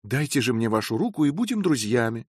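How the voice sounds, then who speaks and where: A man's voice: mid-range voice, very animated, brisk, breathy edge, dry recording, studio quality. A man voicing a fiery, imperious young wife. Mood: coaxing. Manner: sharp, imperious scolding.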